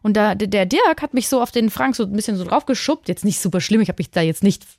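Woman, fast-paced, candid storyteller, podcast co-host, dry close recording. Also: medium pitch, animated, darkish tone, no echo. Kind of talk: casual chat.

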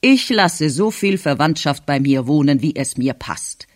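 A man's voice: fairly high pitch, lively intonation, unhurried, no echo, studio quality. A man voicing a curt, commanding old grandfather. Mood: gruff. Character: gruff old grandfather, a privy councillor, blunt and proud.

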